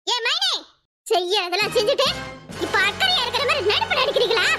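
A defiant young village woman in a cartoon, played by a woman. Her voice is very high and shrill. She presses her accusations in sharp, repeated questions. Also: big pitch swings, fairly quick, soft background music, exaggerated voice. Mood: accusing. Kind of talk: cartoon voice acting.

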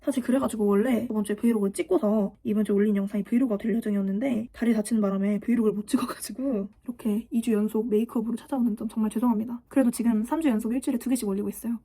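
A young woman talks quickly into the camera while she does her makeup, spinning a story from her school days. Her voice sits a little high, and her chatter is lively and animated. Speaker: beauty vlogger. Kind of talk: get-ready-with-me storytelling.

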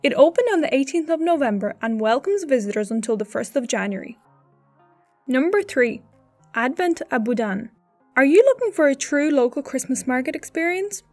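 High-voiced woman narrating a travel video. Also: very animated, normal speed, darkish tone, no room sound, faint music behind. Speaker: travel channel host.

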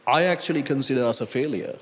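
A man, speaking as a panelist at a conference, earnest and deliberate, pausing and restarting as he thinks, into a handheld mic on a large hall stage. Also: mid-range voice, a bit bright. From Sri Lanka. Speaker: conference panelist, data scientist. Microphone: handheld microphone. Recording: reverberant conference hall sound.

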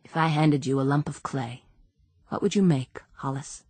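A woman voicing a calm, mysterious unseen visitor who speaks in a quietly insistent way. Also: low voice, normal speed, slightly rough, no echo.

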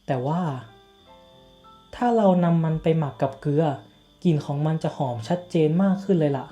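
A man voicing a kind, gentle middle-aged father in a dubbed game cutscene, speaking warmly and teasingly. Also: a little high, moderate pace, muffled recording, soft background music, close to an everyday voice.

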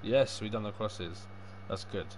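A young man with a fairly low voice talks casually as he livestreams a game. His speech is loose, sweary and packed with matey slang. There is clear background noise and game ambience under his voice. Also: measured pace. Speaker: livestreaming gamer. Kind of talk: casual livestream gaming chat.

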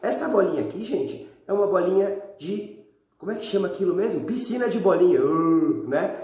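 A Brazilian man with a fairly high voice teaches children in a casual, chatty way. He speaks directly to his pupils from a little distance in a very reverberant room. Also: animated, brisk, dark tone. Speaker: school physical education teacher. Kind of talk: casual video lesson for children. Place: bare indoor room at home. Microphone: camera a few metres away. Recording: very echoey room, distant microphone.

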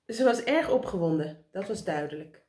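A woman reading a children's storybook aloud, her narration lively and expressive at a middle pitch. The recording has a noticeably roomy echo. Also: moderate pace. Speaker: storybook reader.

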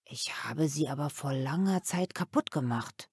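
Woman reading as a gentle, thoughtful father. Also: low-pitched, a little slow, no room sound, studio quality. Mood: reflective. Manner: calm, reflective storytelling.

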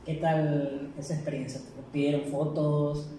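Mellow podcast host, distant and echoey. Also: male voice, a little high, little pitch movement, measured pace. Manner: asks easygoing, prompting questions. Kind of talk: casual chat. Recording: roomy echo, distant mic, noisy.

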